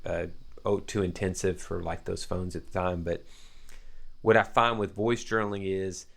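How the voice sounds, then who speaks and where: A man's voice: low-pitched, steady tone, moderate pace, gravelly, fairly bright tone. A man speaking as a podcast guest, earnest and reflective, building his points through everyday examples in casual conversation.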